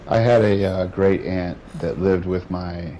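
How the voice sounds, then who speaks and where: A man in casual, profane chat while gaming, rambling through stories with a relaxed delivery. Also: sits low, unhurried, a little hiss or hum. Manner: laid-back, profane storyteller. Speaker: gamer.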